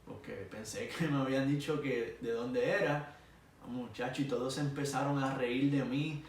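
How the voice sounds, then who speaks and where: Young puerto rican guy telling a story, animated, does the yelling voices, super echoey room, kinda far from the mic. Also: mid-range voice, moderate pace, a little hiss or hum. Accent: Puerto Rican Spanish. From Puerto Rico. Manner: animated, acts out yelling voices and sound effects. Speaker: vlogger. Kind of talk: casual storytelling.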